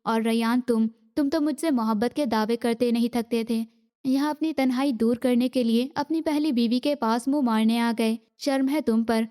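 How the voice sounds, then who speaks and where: A woman's voice: fairly high pitch, warm tone, natural voice. A woman reading the part of a jealous, furious young pregnant wife who hurls scornful insults, in an audiobook. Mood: scornful rage.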